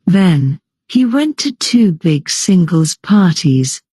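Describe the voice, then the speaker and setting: A woman storyteller reading a simple story for English learners at a very slow, steady pace. Her pitch rises and falls widely, her voice is mellow and a touch breathy, and the sound is dry and close. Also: no echo. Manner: slow, simple, clearly paced sentences. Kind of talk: slow scripted story narration.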